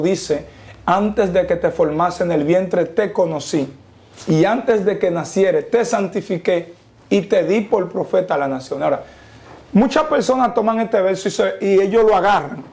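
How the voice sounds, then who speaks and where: This testimony interview features a young man from the Dominican Republic whose cadence recalls a pulpit: slow, emphatic pauses underline every point, and Bible verses come out unhurried. His voice is dark and mellow though slightly high for a man, with a gravelly fry trailing his phrases, and his accent is Dominican Spanish.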